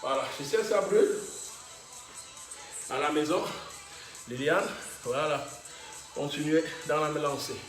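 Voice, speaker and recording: Slow-paced man coaching a workout. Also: a little high, expressive. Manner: short encouraging exercise cues, chuckles often. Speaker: fitness instructor. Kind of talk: workout class instruction. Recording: very echoey room, voice from a distance, faint music.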